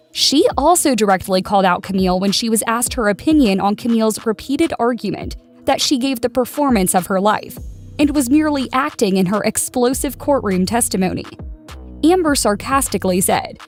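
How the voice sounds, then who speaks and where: A woman's voice: a little high, expressive, moderate pace. Woman narrating over music. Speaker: narrator of a celebrity news channel. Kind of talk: scripted narration.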